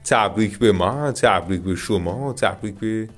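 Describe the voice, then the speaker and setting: A man with an Iranian Persian accent giving chatty, excited commentary on a mobile game, often addressing his viewers as dear friends. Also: on the low side. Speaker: gaming YouTuber. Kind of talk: casual gameplay commentary.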